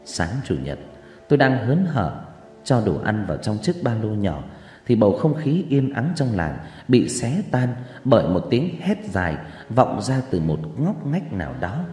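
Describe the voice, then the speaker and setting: A man narrating a horror story in a suspenseful, drawn-out delivery with dramatic pauses. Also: mid-range voice, very animated, mellow. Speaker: audiobook narrator. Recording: echoey reverb with background music.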